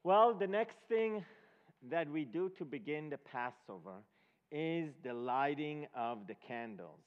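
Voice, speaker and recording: A fairly high, animated Israeli male voice with a clear, resonant tone delivers a sermon as guest preacher at a Passover presentation. He halts as he goes and quizzes the congregation with check questions, before an audience in a spacious, echoing hall, on a dull lo-fi recording.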